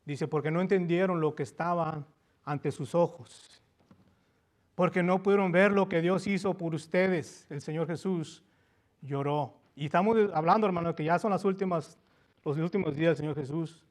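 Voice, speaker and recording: A man preaches with a high voice, turning from one language to the other and back. He speaks to his congregation as brothers and presses his points with rising fervor. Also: moderate pace. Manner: switches between Spanish and English, repeating each passage. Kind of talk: bilingual sermon.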